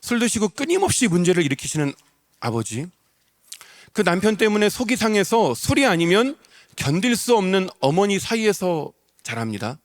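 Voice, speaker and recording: A male pastor preaching an emotional sermon, repeating phrases for emphasis, in a large church sanctuary. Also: high voice. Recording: long reverb of a church hall.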